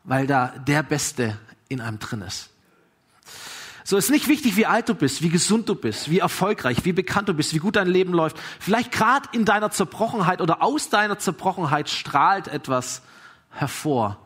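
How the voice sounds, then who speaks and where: A man preaching a sermon, telling a story with emphatic rises and hushed drops. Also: high voice, expressive, moderate pace, breathy edge. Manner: emphatic, swings from raised to hushed. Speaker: pastor.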